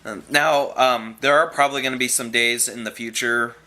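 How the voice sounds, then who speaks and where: A man's voice: medium pitch, steady tone, moderate pace, sharp tone. A young man chatting casually in a rambling vlog, chewing gum as he talks and often restarting his sentences. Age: young adult. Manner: rambling, full of fillers and restarts; chewing gum while talking. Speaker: vlogger.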